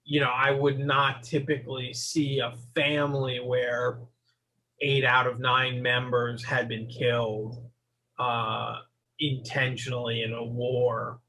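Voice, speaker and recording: A man speaking as a psychotherapist guest in an interview, explaining his ideas in a measured way. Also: medium pitch, little pitch movement, pushed and bright, rough recording.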